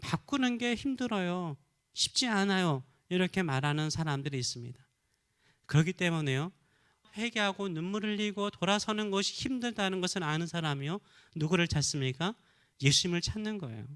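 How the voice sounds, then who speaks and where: A man's voice: high-pitched, expressive, brisk, fairly bright tone, clear, resonant tone. A middle-aged male pastor from Korea preaching a sermon, telling a story and then crying out fervently in prayer.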